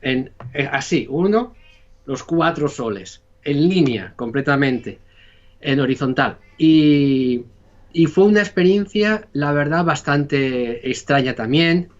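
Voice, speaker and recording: Speaking slowly and expressively at a fairly high pitch, this podcast guest from Spain rambles through his story in casual conversation, full of fillers and false starts. He has a Spanish accent, and the recording sounds muffled.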